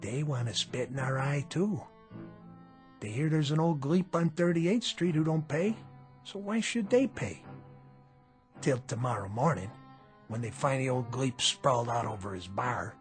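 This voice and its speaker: In a radio drama, an actor voices a menacing, sneering gangster boss who bullies his underling with streetwise tough-guy talk and mockery. His natural, medium-pitched voice is lively in intonation yet measured in pace, coldly menacing in mood. Soft music plays in the background.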